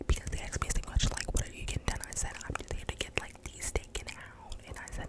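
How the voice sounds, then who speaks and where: A young woman speaks entirely in whispers, right up against the microphone. She tells a personal story in an ASMR style, casual and slangy, rambling along with frequent hesitations. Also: rough recording. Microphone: very close microphone.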